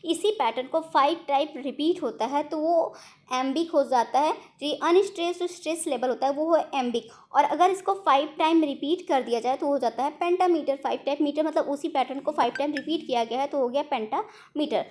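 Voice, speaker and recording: A woman's voice: high-pitched, normal speed, a little mellow. A woman teaching an online exam-prep lesson, explaining step by step in Hindi mixed with English terms and correcting herself as she goes.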